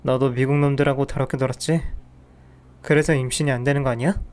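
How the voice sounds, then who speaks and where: A man's voice: medium pitch, fairly even intonation, fast talker, a little mellow, close to an everyday voice. A man voicing a cold, contemptuous husband who insults and dismisses his wife. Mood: scornful. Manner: scornful, dismissive.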